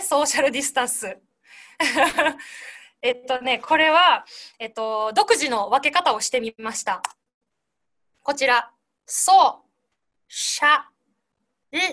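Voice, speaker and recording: A woman leads an online singing class over a video call. Her voice is high and bright. She explains gently and demonstrates each breath and consonant sound herself. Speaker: singing teacher.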